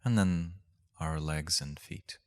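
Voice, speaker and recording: In a low voice, a man leads a guided meditation as the teacher. His delivery is gentle and unhurried, broken by long pauses.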